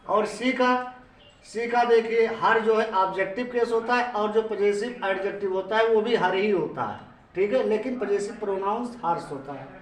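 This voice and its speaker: A man with a Hindi accent teaching English grammar in a classroom lecture, speaking slowly and repeating himself while quizzing his class. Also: high-pitched, reverberant, distant mic, rough recording. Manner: slow, repetitive, asks the class questions.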